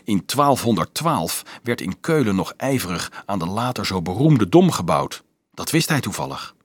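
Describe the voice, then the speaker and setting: A man reading a novel aloud as an audiobook narrator, expressive and shifting his voice for the characters. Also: lowish voice, slightly rough, dry recording.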